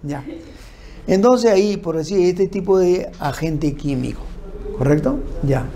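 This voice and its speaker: A man giving an informal law lecture, explaining through lists and examples and checking in with his listeners with quick tag questions. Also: high-pitched, dark tone, a little hiss or hum. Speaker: criminal law instructor. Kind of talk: informal lecture on forensic principles.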